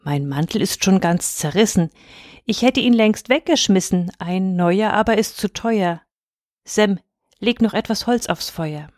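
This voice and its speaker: A woman's voice: mid-range voice, lively intonation, unhurried, a little mellow, no echo, clean studio sound, lightly acted. Ruben, a woman reading as an old shepherd. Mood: grumbling. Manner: stern, admonishing rhyming verse. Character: poor old male shepherd, grumbling and god-fearing.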